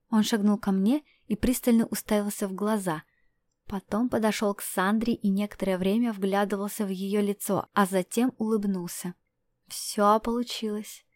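A woman narrating a first-person fantasy audiobook in an even, measured way. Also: medium pitch, no room sound.

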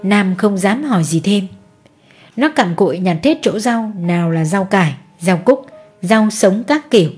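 A woman reading a family story aloud as an audiobook narrator, in a steady, even delivery. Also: mid-range voice, a little slow, breathy edge, faint music behind.

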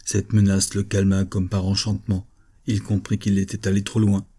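A man reads a classic novel aloud in measured, steady narration. His voice sits low and sounds dark and mellow. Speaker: audiobook reader.

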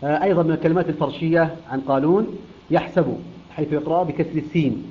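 Deliberate male recitation teacher, lo-fi. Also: on the high side. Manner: deliberate, hesitant, with frequent restarts and filler sounds; demonstrates pronunciation by repeating words slowly. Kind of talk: recitation lesson. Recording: dull lo-fi recording.

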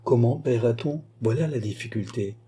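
A man's voice: mid-range voice, normal speed, mellow, slightly rough, natural voice. A man voicing a queen who asks eager, gracious questions. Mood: curious. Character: curious, pleased female queen.

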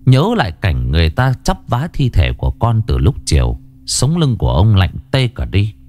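Dramatic male ghost story narrator. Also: normal speed. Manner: expressive, swinging pitch. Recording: narration over background music.

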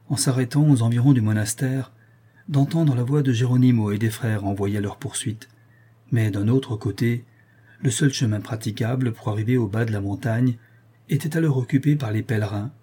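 A man reading a novel aloud as an audiobook narrator, with measured storytelling. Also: mid-range voice, mellow, husky. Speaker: audiobook reader. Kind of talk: scripted narration.

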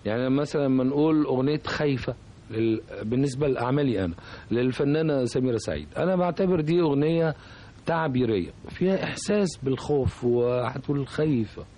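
Casting: Egyptian man, warm mellow tone, thoughtful radio guest who hesitates as he talks. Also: medium pitch, animated, fast talker. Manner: reflective, hesitant, searching for words. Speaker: composer, guest. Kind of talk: radio interview.

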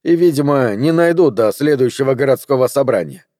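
A man reading aloud voicing a calm, unflappable small-town male official. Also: mid-range voice, fairly quick, no room sound, studio quality, natural voice. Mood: unruffled. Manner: calm and unruffled.

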